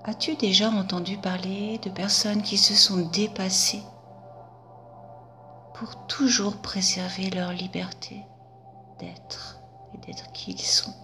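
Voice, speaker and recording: Woman reading a benevolent wise sage man: hushed, slow, bright-toned. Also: medium pitch, level tone, faint music behind. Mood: protective, gentle. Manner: soft half-whispered, gentle.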